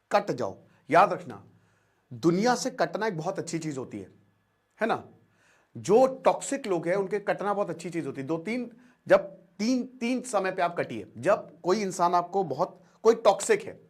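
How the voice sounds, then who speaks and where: A man giving an earnest, emphatic motivational talk in lecture style, often dropping in English phrases. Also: high voice. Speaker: motivational speaker.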